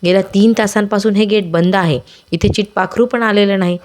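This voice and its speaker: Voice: mid-range voice, steady tone, fairly quick, a little hiss or hum, voice pushed up, lightly acted. The storyteller voicing a sleepy hospital security guard who answers brusquely and in disbelief. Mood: incredulous.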